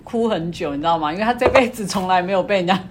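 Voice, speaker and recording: A woman's voice: lowish voice, rapid-fire. A woman podcast host, chatting casually and prompting her guest with curious questions. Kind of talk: casual interview chat.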